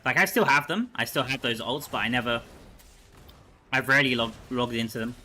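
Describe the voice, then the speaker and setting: A man's voice: mid-range voice, brisk, pushed and bright. A man streaming a video game, chatting casually and thinking aloud as he answers his chat.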